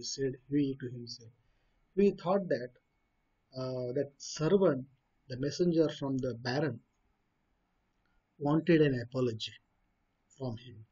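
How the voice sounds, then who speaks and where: A man's voice: medium pitch, darkish tone, husky. A man with an Indian English accent reads a story and explains it in his own words, hesitating often with fillers and restarts. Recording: dull lo-fi recording.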